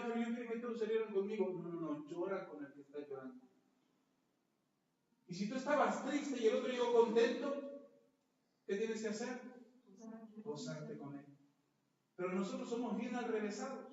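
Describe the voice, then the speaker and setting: A man's voice: high-pitched, darkish tone. A male pastor preaching a sermon, asking the congregation rhetorical questions and acting out the voices he quotes. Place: church. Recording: echoey church hall, mic far off, dull and noisy.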